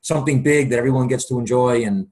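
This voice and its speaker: A man's voice: mid-range voice, fast, a little mellow. A man in his forties on a video call from home, talking earnestly and at length as a guest in a casual chat. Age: 40s. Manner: earnest, talkative storyteller. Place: home room. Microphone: video call webcam.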